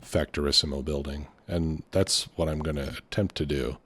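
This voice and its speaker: The let's play host's voice is very deep yet fairly bright, slightly rough, and stuffy from a cold he's recovering from. He speaks at a moderate pace with fairly even intonation, thinking aloud hesitantly in a casual way.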